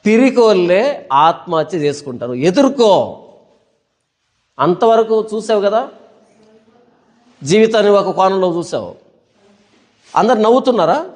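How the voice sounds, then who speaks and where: Male pastor, high pitch, emphatic sermon delivery full of rhetorical questions, long reverb tail. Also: sing-song, unhurried, long pauses.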